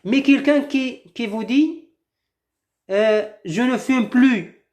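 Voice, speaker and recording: Slow, patient woman explaining French words. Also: on the high side, a little mellow. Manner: slow and deliberate, repeats and rephrases words with several synonyms. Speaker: French teacher. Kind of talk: slow explanatory lesson, reading a text aloud and explaining words.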